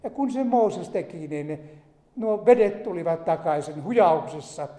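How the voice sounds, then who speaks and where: A man's voice: high-pitched, expressive, warm tone. A man preaching a sermon, retelling a Bible story with emphatic rises and asides. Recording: echoey hall reverb.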